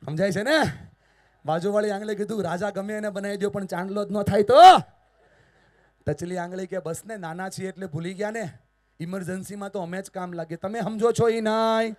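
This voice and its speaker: Animated Gujarati man leading a crowd. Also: high-pitched, a little fast, dry recording. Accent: Gujarati, Surat. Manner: theatrical, call-and-response with the audience, big swings in loudness. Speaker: motivational speaker. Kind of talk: motivational speech to a family gathering. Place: large hall with a live audience.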